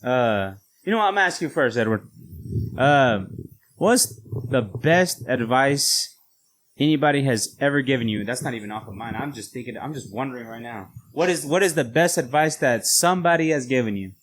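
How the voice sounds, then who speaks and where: A man's voice: medium pitch, lively intonation, normal speed. A man hosting a podcast in casual, slangy, informal conversation. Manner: slangy, informal, often saying "bro". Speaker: podcast host.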